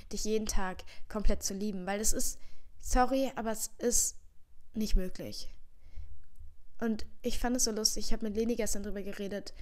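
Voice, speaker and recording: A vlogger in her twenties with a slight cold sits in an armchair in her living room, talking earnestly into a handheld mic. Her mid-range voice has a darkish tone as she rambles through casual, heartfelt, reassuring advice with many fillers.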